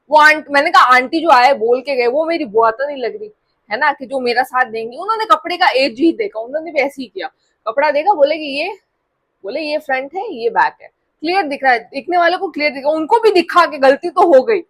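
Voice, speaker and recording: Young woman vlogger, high voice, dry close sound, animated storytelling, switches between voices in an argument. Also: no echo. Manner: animated, acts out both sides of an argument. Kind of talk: casual storytelling to camera.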